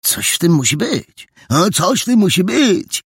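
A man's voice: fairly high pitch, wildly swooping pitch, moderate pace, a bit bright, slightly rough, no room sound, pitched above the performer's own voice, heavily acted. A man voicing a skeptical, wry young boy detective. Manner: dry, doubting questions.

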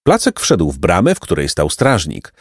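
Brief: male audiobook narrator, very lively intonation, dry close sound. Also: sits low, normal speed, no room sound. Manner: expressive storytelling. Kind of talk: audiobook reading of a children's tale.

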